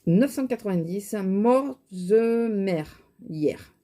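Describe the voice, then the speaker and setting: Tired, chatty woman with a mellow voice. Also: mid-range voice, animated, slow pace. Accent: regional French. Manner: chatty, rambling, many fillers and restarts. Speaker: vlogger showing shopping haul and makeup. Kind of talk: casual chat to camera.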